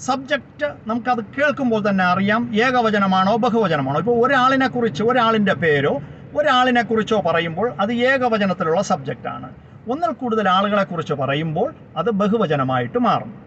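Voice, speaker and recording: A man teaching a slow, explanatory grammar lesson, spelling words out letter by letter and giving each translation. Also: high-pitched, fairly bright tone. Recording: slightly dull lo-fi recording with faint background noise.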